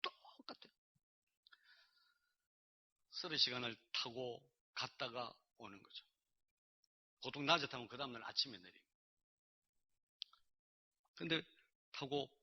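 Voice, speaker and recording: A male pastor giving a sermon, telling a story and acting out the dialogue himself. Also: mid-range voice. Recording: dull lo-fi sermon recording.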